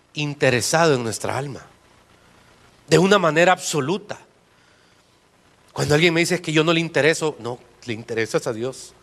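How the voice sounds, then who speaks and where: A man's voice: high-pitched, sharp tone. A middle-aged male pastor preaching a sermon in a church, often asking the congregation questions.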